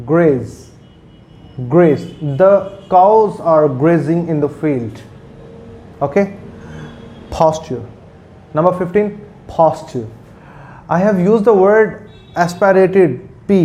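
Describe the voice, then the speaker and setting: A man teaching pronunciation, repeating each word slowly and switching into Urdu-Hindi to explain. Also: sits high, warm tone. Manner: slow, repeats each word several times. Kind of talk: pronunciation lesson. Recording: faint background noise.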